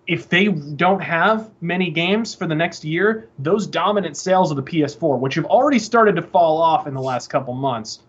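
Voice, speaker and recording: A man's voice: a little high, husky, muffled recording. A man co-hosting a casual podcast, rambling and profane, often restarting his sentences while he searches for words. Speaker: podcast co-host. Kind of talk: casual game-industry chat.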